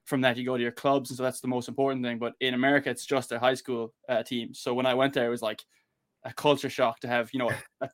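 A man from Galway with a west of Ireland accent, talking informally and rambling a little as a guest on a casual podcast. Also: mid-range voice. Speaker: interview guest, American football player.

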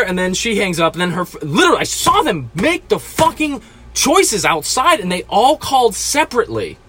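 A man's voice: sits high, fairly bright tone, breathy edge. A man hosting a podcast, ranting furiously about restaurant customers, swearing constantly and stammering when angry. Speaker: podcast host and restaurant cook.

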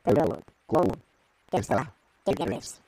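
A man's voice: medium pitch, sing-song, unhurried, dark tone, dry recording. A man voicing a half-robotic cow-faced mutant. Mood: bewildered. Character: cow-faced male mutant, injured, odd voice. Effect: half-robotic voice filter. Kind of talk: amateur comedy skit.

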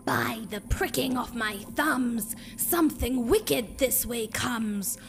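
An eerie witch acted by a woman chants dark spells in a dramatic Shakespeare reading. The voice is fairly high and slow, keeping a steady rhythm, with faint ominous music underneath. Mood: eerie chanting.

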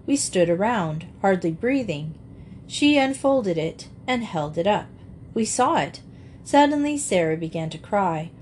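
A woman narrating a classic children's novel with steady, expressive reading. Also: mid-range voice, unhurried, a little hiss or hum. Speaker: audiobook narrator. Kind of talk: storybook narration.

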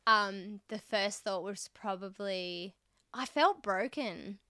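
A woman's voice: mid-range voice, slow pace, bright, forceful tone, dry recording. A young woman hosting a podcast, talking candidly and casually with lots of fillers. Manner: candid and chatty, with frequent fillers. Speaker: podcast host.

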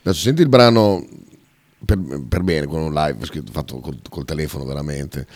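A man's voice: rumbling low, moderate pace, darkish tone. A male radio host in casual, blunt, chatty talk who swears freely.

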